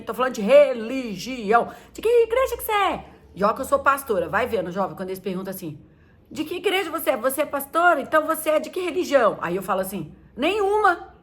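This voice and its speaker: A middle-aged woman pastor talking casually and playfully to teenagers, often acting out little scenes. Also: fairly bright tone. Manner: chatty and playful, acting out quotes in high squeaky voices.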